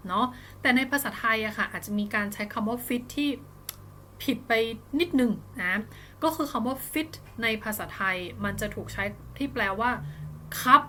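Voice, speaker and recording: Thai lady teaching english online, talks slow and clear, lightly higher voice. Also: fairly bright tone, slight background noise. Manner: switches between slow careful English and quick chatty explanation.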